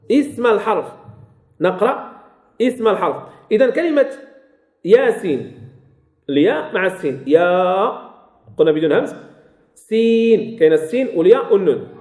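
A man's voice: sits high, a little mellow. A man with a Moroccan accent teaching the rules of Quran recitation in a classroom lesson. He repeats key phrases and quizzes his listeners as he goes. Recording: echoey room.

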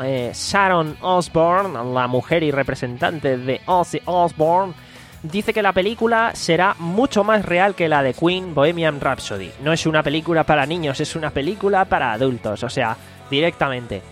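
A man, co-hosting a casual podcast and running through the news. His voice is a little high and his telling is relaxed and drawn out. Faint music sits underneath. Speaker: podcast co-host.

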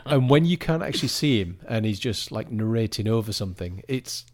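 This podcast co-host, with a lowish, animated voice and a brisk pace, rambles through a casual chat. He's talkative and self-interrupting, frequently restarting what he's saying.

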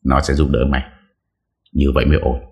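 A man's voice: rumbling low, little pitch movement, fairly quick, darkish tone. A man voicing a stern young martial-arts master who gives curt, firm orders. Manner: curt, commanding.

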